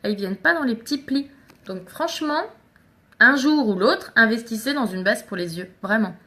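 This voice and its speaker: Bright chatty woman. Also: on the high side, expressive, moderate pace. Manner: chatty, addresses viewers directly and greets commenters. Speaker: makeup seller doing a live stream. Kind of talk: casual live makeup tutorial.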